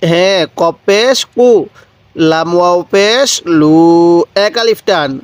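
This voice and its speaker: Patient high-voiced man teaching Quran reading. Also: takes it slowly, dry recording. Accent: Bangladeshi Bengali. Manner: patient, repeats syllables and asks learners to read along. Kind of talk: slow spelled-out recitation lesson.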